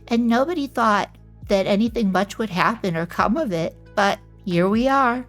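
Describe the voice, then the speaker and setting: A woman streamer introduces herself casually, wandering from thought to thought with many pauses. She talks very slowly in a mid-range pitch, and soft music plays in the background.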